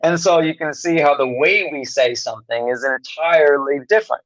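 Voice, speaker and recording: A man giving a recorded lecture, speaking slowly with long pauses and frequent fillers. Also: a little high, fairly bright tone, muffled recording. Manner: slow, pausing delivery with many fillers.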